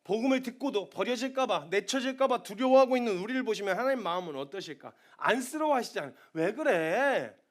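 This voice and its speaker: A man in his thirties preaching a sermon in a church, moving between soft confiding talk and loud impassioned pleading. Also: very high voice, lively intonation, fast, few pauses. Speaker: missionary preacher. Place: church sanctuary.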